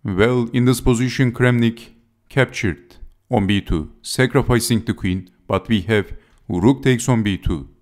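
A man's voice: mid-range voice, unhurried. A man giving scripted chess game commentary as narrator, speaking in short, clipped move-by-move phrases.

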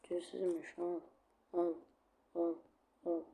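A male gaming creator giving casual commentary over his match, chatty and quick to get annoyed when the game freezes. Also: high-pitched, monotone, mellow, husky. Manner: chatty, easily annoyed, swears at lag; repeats a sing-song catchphrase.

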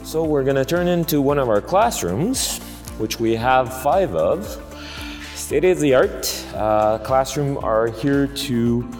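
A man in his thirties giving a walking tour of a construction site, halting with many fillers. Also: mid-range voice, a little mellow. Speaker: museum facilities director giving a site tour. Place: large indoor construction site.

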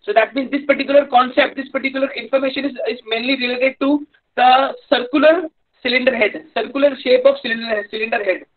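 A man's voice: very high voice, steady tone, fast talker. A man with a North Indian accent giving a live online engineering lecture in a hesitant, repetitive, explanatory manner. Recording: dull lo-fi online-class audio.

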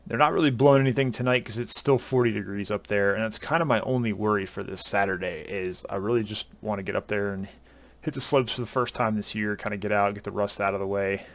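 A man's voice: on the low side, fast. Easygoing man with a headset. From Southern US. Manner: relaxed, rambling with many uhs and ums. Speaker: ski vlogger. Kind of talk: casual chat to camera. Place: home room at a desk.

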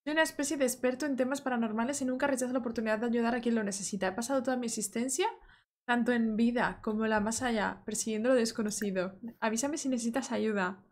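A woman's voice: fairly high pitch, fast, lightly acted. A woman reading out the lines of a friendly male ghost who is an eager paranormal expert in a life-sim game, in her own voice.

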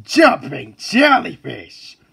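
A man voicing a stern, blustering drill-sergeant driving instructor in a commanding, military cartoon style, gravelly and husky. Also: on the high side, wildly swooping pitch, takes it slowly, pushed and bright, heavily acted. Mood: scornful. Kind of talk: cartoon voice acting.

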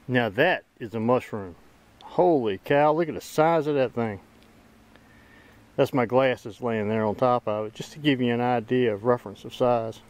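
A man's voice: medium pitch, moderate pace, darkish tone. Middle-aged man narrating a woodland hike. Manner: easygoing, folksy, plain-spoken. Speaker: bushcraft channel host. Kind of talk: casual narration while filming on a hike. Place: outdoors on a woodland trail.

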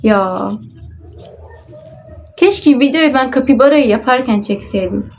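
A woman's voice: on the high side, lively intonation, measured pace, darkish tone, slight background noise, low-quality recording. A woman vlogging at home, talking to herself as she works on a papercraft project, muttering and sighing in exasperation. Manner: muttering and self-talk, exasperated sighs. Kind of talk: casual talking to herself while crafting.

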